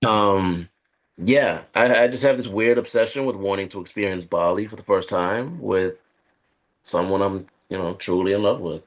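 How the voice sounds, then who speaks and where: At a live screenplay table read, an actor voices a guarded male corporate operative on a first date. His fairly low voice is close to an everyday one, and he speaks in halting, evasive phrases, wistful and careful about what he reveals, on a rough recording.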